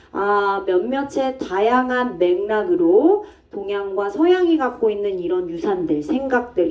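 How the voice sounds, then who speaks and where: A woman's voice: mid-range voice, mellow, far from the mic, rough recording. A woman teaching an English grammar lesson to a class, explaining step by step and asking and answering her own questions. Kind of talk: classroom lecture.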